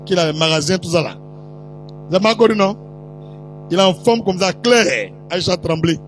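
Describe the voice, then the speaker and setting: A man with an Ivorian French accent preaches in a high, chatty voice. He tells stories and teases the congregation directly, with faint guitar music behind. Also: animated, moderate pace, rough recording. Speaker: prophet preaching. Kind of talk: sermon storytelling.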